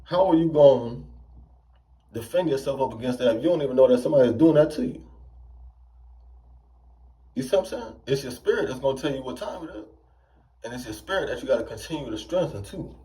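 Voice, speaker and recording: A man delivers an informal sermon in a loose, conversational way, checking in with his listeners again and again. His voice is mellow and dark. The mic sits some distance from him, so the sound is a bit remote. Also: mid-range voice, animated, a little fast, pauses often. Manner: conversational preaching, repeats "you see what I'm saying". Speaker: preacher.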